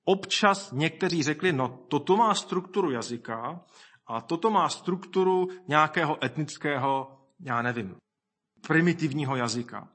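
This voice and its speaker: Man, sermon, husky bright voice, thoughtful preaching, slightly high. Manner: reflective, reads scripture aloud, quotes scoffers in lively voices.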